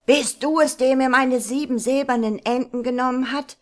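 A woman voicing an angry, greedy male troll in a read-aloud folk tale, raising her voice to shout. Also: on the high side, moderate pace, close to an everyday voice. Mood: furious. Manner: loud, shouting accusations.

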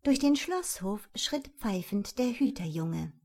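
A woman reading a fairy tale aloud in a lively storytelling manner. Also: medium pitch, a little slow. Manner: lively storytelling, voices the characters.

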